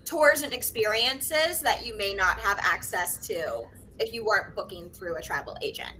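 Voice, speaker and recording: Bright-voiced young woman tutor. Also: medium pitch, lively intonation, normal speed, slight background noise, rough recording. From United States. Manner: friendly, explains patiently. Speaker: English tutor. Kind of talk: casual video-call chat. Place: small dim room indoors. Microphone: laptop webcam on a video call.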